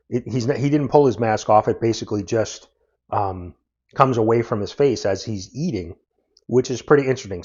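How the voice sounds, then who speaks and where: Man, lowish voice, casual comic book review, meandering plot recap, dull lo-fi audio. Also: a little mellow.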